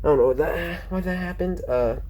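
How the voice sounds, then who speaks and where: A man's voice: a little high, a little fast, a little mellow, a little hiss or hum. A teenage boy vlogging from home, rambling with lots of fillers and self-corrections, sounding close to tears. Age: teens. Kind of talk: casual rambling vlog.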